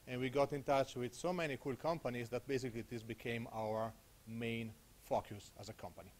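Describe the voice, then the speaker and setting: An Italian man in his thirties gives a technical conference talk in a small room, holding a handheld mic. His mid-range voice is fairly even in intonation and a little fast. He stays casual and conversational, often checking in with "okay?" to tag his points.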